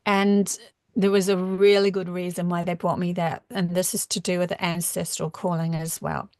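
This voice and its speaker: A woman with a New Zealand accent giving a rambling live-stream spiritual talk, full of halting restarts. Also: on the low side, flat delivery, darkish tone, no room sound. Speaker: spiritual channeler.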